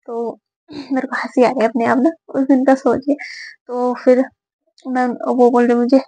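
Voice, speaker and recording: Young female vlogger, slightly high voice, dry close sound, chatty and giggly storytelling. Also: flat delivery, normal speed, warm tone, no room sound, low-quality recording. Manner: giggly, chatty, repeats filler words often. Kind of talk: casual storytelling to camera.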